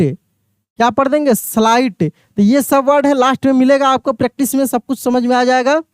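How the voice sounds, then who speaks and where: Slow, crisp male phonics teacher. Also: extremely high pitch, a little mellow, dry recording, studio quality. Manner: spells words letter by letter, then asks what they read. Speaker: English teacher. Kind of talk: spelling-out phonics lesson.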